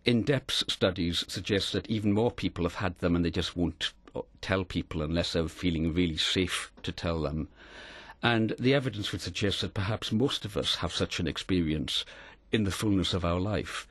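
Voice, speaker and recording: Deep-voiced guy being interviewed, earnest and measured, middle-aged, scottish, dry sound. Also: a bit bright, dry recording. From Scotland. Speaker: interview guest. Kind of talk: reflective storytelling in an interview.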